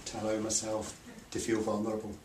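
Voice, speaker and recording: A calm therapist leads a client with short, affirming prompts. The pace is quick. The recording is echoey and a little distant, with faint noise. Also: mid-range voice. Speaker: EFT therapist leading a client through a session. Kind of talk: therapy session, phrases given for the client to repeat.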